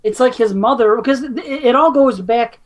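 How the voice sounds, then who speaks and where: A woman co-hosting a podcast, casually retelling horror film scenes with a relaxed, profane manner. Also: on the high side, normal speed, crowd noise. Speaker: podcast co-host. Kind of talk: casual film review chat.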